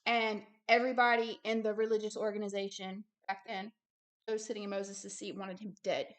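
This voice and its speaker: A woman hosts a religious video, reading a book aloud and adding impassioned preaching commentary. Her mid-range voice holds a fairly flat pitch at a moderate pace, and her delivery is emphatic and insistent, full of short repeated phrases.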